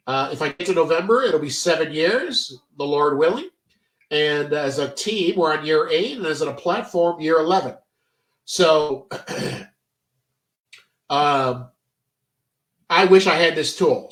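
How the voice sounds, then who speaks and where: A man's voice: on the high side, fairly bright tone, echoey room, recorded from a distance. A congested man giving a casual, chatty trading tutorial, full of fillers and stop-start phrasing. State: stuffy, congested. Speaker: trading educator. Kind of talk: casual screen-share tutorial.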